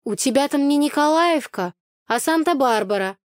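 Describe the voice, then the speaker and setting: Woman voicing a bubbly young girlfriend, high and loud, teasing, dry sound. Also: expressive, normal speed, dry recording. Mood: playful.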